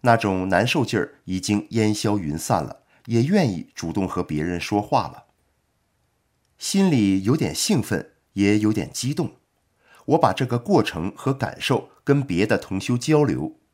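Man, low voice, lively pitch, calm measured article reading. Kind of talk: scripted narration.

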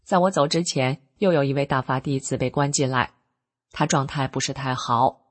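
A middle-aged woman with a bass voice earnestly narrates her own personal account in plain spoken words. She tells the story in the first person at a moderate pace.

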